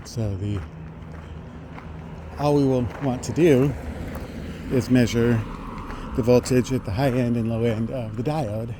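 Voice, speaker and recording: A middle-aged man thinks aloud in a halting technical monologue while walking outdoors along a road. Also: mid-range voice, steady tone. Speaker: vlogger. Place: outdoors on a residential roadside. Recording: outdoor street noise, passing vehicles.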